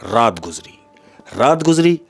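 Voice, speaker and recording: A man narrating a dramatic story to a listener, animated and often addressing him by name. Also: mid-range voice, takes it slowly, faint music behind.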